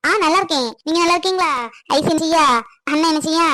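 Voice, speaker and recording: A woman's voice: very high-pitched, fairly even intonation, quick pace, sharp tone, dry recording. A woman playing a middle-aged mother who talks on the phone in a reassuring, chatty way, in a family skit.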